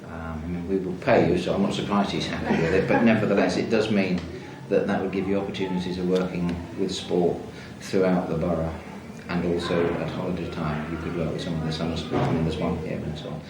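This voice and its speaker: A man on a school's staff, talking formally in his office, measured and hesitant with fillers. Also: low-pitched, little pitch movement. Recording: echoey room, far from mic, noisy.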